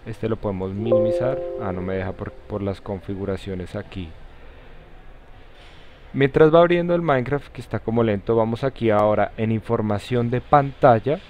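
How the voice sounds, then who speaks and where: A man with a Colombian accent hosting a step-by-step software tutorial in an informal way, using friendly diminutives. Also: on the low side, fairly even intonation, a little fast, few pauses, music in the background. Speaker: tutorial host. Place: voice-over for a screen recording. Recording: slightly dull, lo-fi sound.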